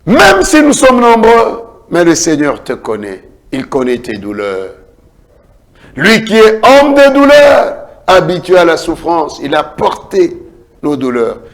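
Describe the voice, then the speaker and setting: A man preaching a sermon as a prophet, declaiming in a repetitive cadence and swinging from loud calls to hushed lines. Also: on the high side, wildly swooping pitch, slow. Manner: dramatic preaching with big swings between shouts and hushed lines.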